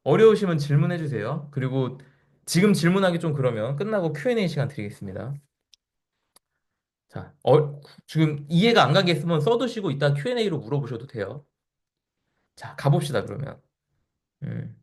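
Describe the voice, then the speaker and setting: A man in his forties lectures a live audience, his pitch swinging widely from phrase to phrase. His voice sits a little higher than most men's. He keeps checking in with questions and acts out the voices he quotes. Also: very animated, normal speed, pauses often, darkish tone. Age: 40s.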